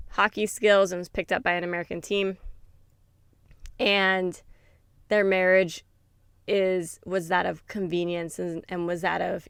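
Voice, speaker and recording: A woman on a book podcast talks through a plot in a loose, chatty way, full of "like" and "um". Her voice has a gravelly edge but stays clear, recorded close and dry. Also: on the low side, fairly bright tone, no room sound. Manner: chatty, many fillers, laughs while retelling. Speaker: podcast co-host. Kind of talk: casual book review chat.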